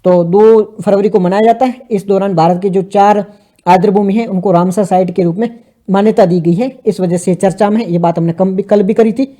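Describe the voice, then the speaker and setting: This man teaches current affairs casually to exam students, mixing Hindi with English terms and asking questions only to answer them himself. His high-sitting voice has a dark tone and fairly even intonation, delivered at a brisk pace.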